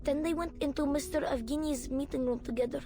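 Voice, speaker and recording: A woman's voice: high-pitched, fairly even intonation, fast, lightly acted. A woman voicing an eager, hopeful young child in game dialogue, with a bouncy, sing-song delivery. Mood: pleading. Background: game music.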